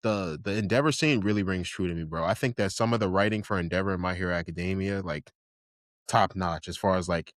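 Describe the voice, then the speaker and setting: Male co-host, casual rambling chat, low voice, dry studio sound. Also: brisk, no echo. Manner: rambling, filler-heavy, enthusiastic. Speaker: podcast co-host. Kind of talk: casual chat about anime.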